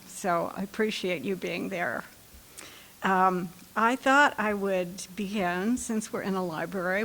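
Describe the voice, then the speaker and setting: At a library reading, a woman poet introduces and reads her own poems in a light, medium-pitched voice, unhurried and deliberate. The setting is a library event room, and the recording is rough with slight background noise.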